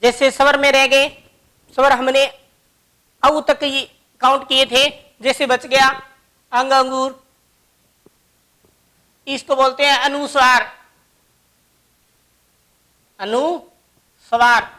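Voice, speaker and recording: A woman teaching grammar in a high, bright voice. She moves slowly, explaining each example word by word. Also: level tone. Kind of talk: classroom grammar lesson.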